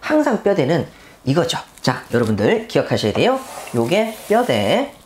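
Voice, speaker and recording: Woman, middle-aged, law lecturer, exam-prep lesson, low pitch, animated intonation, rhetorical questions, emphatic repetition. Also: moderate pace.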